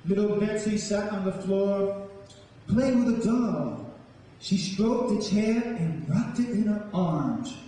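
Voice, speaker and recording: In a large, echoing hall before a live audience, a male spoken word poet and storyteller gives a dramatic reading and talk with deliberate delivery. His voice is high-pitched and mellow, picked up by a distant mic with faint noise.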